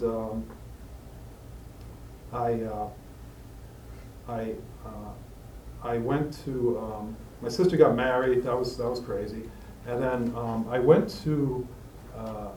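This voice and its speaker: A man's voice: mid-range voice, dark tone. Middle-aged guy telling his sober story to a meeting, lots of ums and restarts, roomy hall, mic kinda far off, faint hiss. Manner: rambling, halting, many fillers and restarts. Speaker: recovery meeting speaker. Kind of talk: personal recovery story told to a group.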